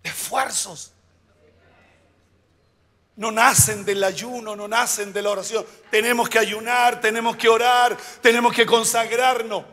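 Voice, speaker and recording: A male pastor preaching a sermon, asking the congregation questions and shouting out the key words. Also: very high-pitched, flat delivery, a little slow, big-room sound.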